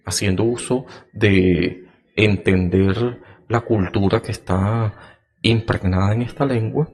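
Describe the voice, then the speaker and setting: A man hosting a podcast, explaining a topic slowly and deliberately, with many fillers and restarts. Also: darkish tone. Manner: acts out example phrases in a raised, sing-song pitch. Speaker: podcast host.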